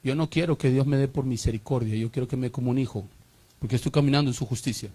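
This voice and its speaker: A man's voice: mid-range voice, quick pace, mellow. A male pastor preaching a sermon with call-and-response and rhetorical questions.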